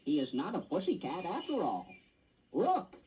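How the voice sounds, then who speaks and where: A woman voicing an excitable yellow jungle monkey in a storybook record, exclaiming in amazement, on a dull lo-fi vinyl recording. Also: on the low side, moderate pace, pitched below the performer's own voice. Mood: amazed.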